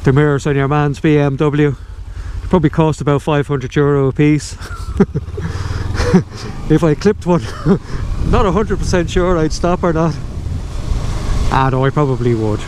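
A man's voice: fairly high pitch, measured pace. A man with an Irish accent chatting casually and wryly as a motorcycle vlogger while riding, talking in a rambling way. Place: outdoors riding a motorbike in rain. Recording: steady road, engine and traffic noise.

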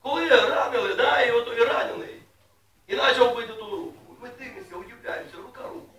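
A man preaching a sermon to his congregation in a folksy way, asking them questions and rising loudly when he reads scripture. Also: extremely high pitch, fast. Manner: folksy, asks the congregation questions, rises to loud reading. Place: church hall. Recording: echoey room, mic at a distance.

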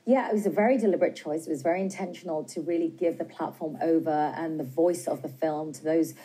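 A British woman in her forties who directs films speaks through a lapel mic in a TV news studio, answering interview questions earnestly. Her low voice is mellow with a breathy edge, and the audio is poor. Her delivery is measured, with a few hesitations.

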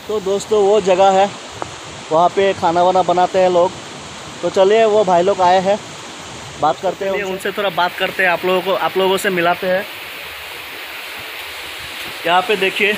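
A young vlogger with a high-sitting voice films a casual travel vlog on a phone held at arm's length, outdoors by a forest stream and picnic shelter. He's chatty, addresses his viewers and keeps repeating "दोस्तों" and "मतलब", and the noisy phone recording carries rushing stream water.

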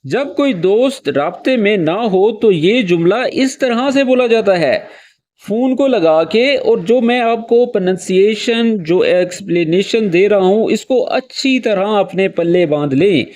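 A man with a high, darkish, expressive voice gives a friendly spoken Arabic lesson. He explains each phrase slowly, then repeats it with acted feeling.

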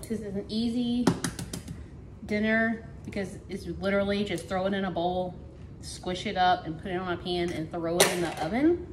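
A woman's voice: mid-range voice, fairly even intonation, moderate pace, very noisy. A middle-aged woman chatting casually as she cooks in her home kitchen, thinking aloud as she works. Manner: chatty, talks while working, thinks aloud. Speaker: home cooking vlogger. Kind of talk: casual cook-along narration. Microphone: camera on counter. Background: clatter of dishes and pans.

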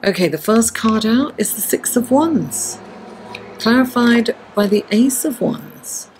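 A middle-aged woman with a slightly raspy voice giving a measured horoscope and tarot reading to camera. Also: fairly high pitch, animated, a little mellow, a little hiss or hum, rough recording. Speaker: astrologer and tarot reader, host. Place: indoors, seated at a table.

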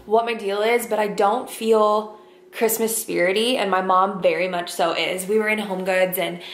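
A woman's voice: medium pitch, steady tone, moderate pace, roomy sound. A woman vlogging casually from her home kitchen, chatty and upbeat, rambling through asides to a camera set down nearby. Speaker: lifestyle vlogger.

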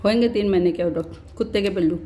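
A woman's voice: mid-range voice, warm tone. A middle-aged woman vlogger talking casually to her viewers, telling a story between bites and calling them "beta". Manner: pauses while chewing.

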